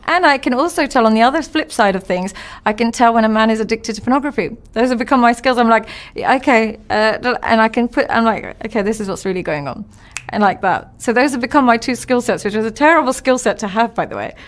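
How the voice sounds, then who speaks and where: A woman coaching on relationships as a podcast guest, telling stories from her practice in a blunt, emphatic, animated way. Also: a little high, fast, few pauses. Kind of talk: conversational podcast interview.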